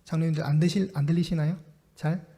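A man preaching a sermon with a notably high voice, pushing his volume to carry across the congregation. He narrates with lively animation and acts out the cries in the story. His words linger in the long reverb of a church hall. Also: fast talker. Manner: projects his voice loudly to reach the room. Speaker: pastor. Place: church sanctuary.

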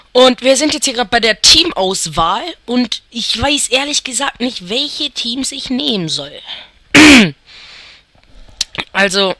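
A young German let's player gives casual, rambling commentary on a football video game, thinking aloud and chuckling. His voice is extremely high, bright and forceful, with no echo.

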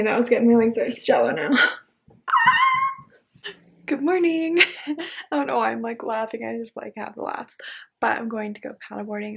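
A woman's voice: fairly high pitch, vocal fry, breathy edge, poor audio. A young woman vlogging casually to a handheld camera outdoors, bubbly and giggly, with many "like" fillers. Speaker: travel and fitness vlogger. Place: outdoors at a lake and in the mountains.

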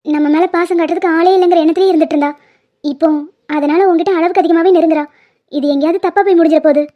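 In a cartoon, a woman voices a bossy young college student scolding and lecturing her friend with a warning tone. Her voice is very high-pitched and steady, racing along. The audio is dull and lo-fi.

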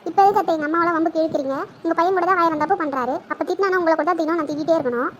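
Woman doing a mouthy young wife in a cartoon, high and fast. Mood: arguing. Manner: argumentative. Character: sharp-tongued young wife, defensive and stubborn. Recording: noisy home recording.

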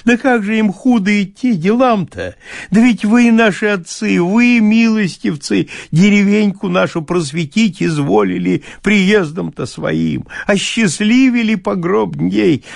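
A man's voice: high-pitched, gravelly, dry recording, clean studio sound, pitched above the performer's own voice, heavily acted. A man voicing a tipsy, obsequious old village steward who talks in a tearful sing-song. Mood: wailing, fawning. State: drunk. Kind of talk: audiobook character reading.

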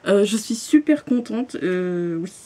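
A young woman opening a parcel in her bedroom, gushing with excitement and often restarting her sentences. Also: mid-range voice, measured pace. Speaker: vlogger. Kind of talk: unboxing vlog. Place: bedroom, at home. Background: paper crinkling.

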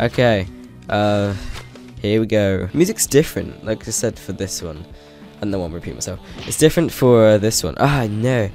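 A man's voice: fairly low pitch, lively intonation, normal speed, darkish tone. Congested man chatting over gameplay. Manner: rambling, hesitant, laughing often. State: congested with a cold. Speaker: gaming channel host. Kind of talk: casual gameplay commentary. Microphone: desk microphone set to high sensitivity. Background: game music.

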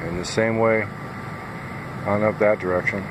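A nuisance wildlife trapper walks viewers through his trap sets along a fence line in a farm field, speaking to them directly in a plain, folksy way at normal speed in a lowish voice. It's a casual outdoor walkthrough filmed on a handheld phone, with steady background noise.

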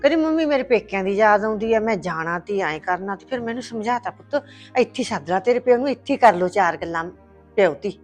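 An actress playing a bossy, sharp-tongued middle-aged mother-in-law in a short film drama, talking in a scolding, two-faced way. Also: medium pitch, expressive, brisk, soft background music, natural voice. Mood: pleading, plaintive.

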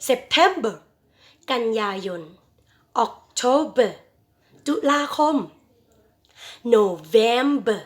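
A woman teacher drills English vocabulary, stretching each word out slowly so the children can repeat it. Her voice sits a little high, and her pace is unhurried throughout the bilingual lesson. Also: expressive. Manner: addresses students fondly as children.

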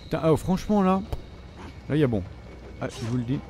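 A man's voice: a little high, lively intonation, a little fast, warm tone. A French man commenting on his own gameplay, swearing and reacting as he plays. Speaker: gamer. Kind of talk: let's play commentary. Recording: noisy background.

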